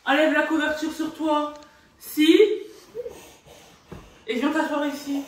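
A woman's voice: high-pitched, level tone, takes it slowly, far from the mic. A woman playing a grumpy, impatient babysitter who scolds and orders the children around in a home sketch. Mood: scolding. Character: bossy, grumpy young female babysitter. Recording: very echoey room, from off-mic, music behind.

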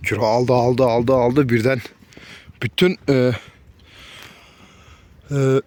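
A dog breeder vlogs from among his dogs, chatting casually to viewers and cooing affectionately at the animals, his voice leaping upward when he addresses them. Otherwise his medium-pitched, darkish voice is slow and fairly even, with a little background noise.

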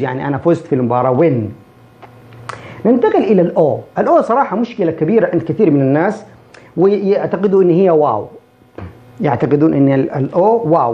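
A man teaching English pronunciation, who explains quickly and repeats example words slowly to show the sounds. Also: a little high. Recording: dull lo-fi recording.

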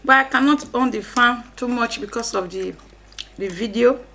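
A Nigerian woman hosts a casual eating mukbang, talking between mouthfuls. Her voice is fairly high and very creaky. There is clear noise behind her as she speaks. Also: moderate pace. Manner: speaking between bites of food. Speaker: mukbang vlog host. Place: indoor room, seated at a table. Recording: clear steady background noise.

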